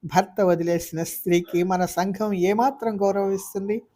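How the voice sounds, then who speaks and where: కథకులు పలికే ఆడియో నవల కథానాయిక, భర్తను ప్రశ్నించే బాధాతప్త స్త్రీ. మాటల్లో వేదన, పట్టుదల కలిసి వినిపిస్తాయి. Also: female voice, mid-range voice, steady tone, moderate pace, mellow, lightly acted. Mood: grieving. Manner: pleading then fiercely defiant. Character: hurt, defiant young wife and mother. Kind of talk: audiobook character voice.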